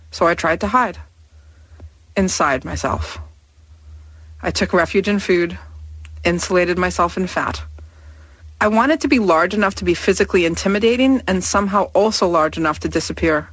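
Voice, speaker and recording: A woman in her thirties reading her own personal essay aloud in a candid, wry, measured way. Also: fairly low pitch, fairly bright tone, breathy edge, no echo. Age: 30s.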